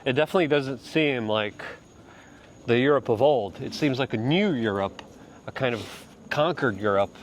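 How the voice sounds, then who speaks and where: Man host, casual rambling outdoor walk-and-talk, mid-pitched voice. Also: animated, moderate pace, slight background noise. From Poland. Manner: rambling with fillers and restarts.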